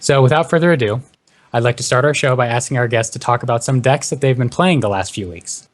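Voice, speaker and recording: A man hosting a gaming podcast panel, introducing guests with brisk, upbeat patter. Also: mid-range voice. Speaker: podcast host. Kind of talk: hosted panel discussion.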